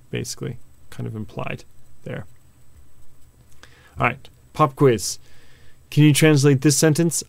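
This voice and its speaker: Slow, smooth-voiced male teacher. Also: mid-range voice, darkish tone, no echo. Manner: patient, explains with examples and mnemonics, many filler pauses. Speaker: language teacher. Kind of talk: explanatory video lesson.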